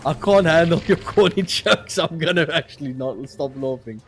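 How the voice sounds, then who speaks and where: A young man casting esports play-by-play, animated and quick to laugh. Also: fairly high pitch, creaky, a little hiss or hum. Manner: animated, laughs often, rising excitement on plays. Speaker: esports caster.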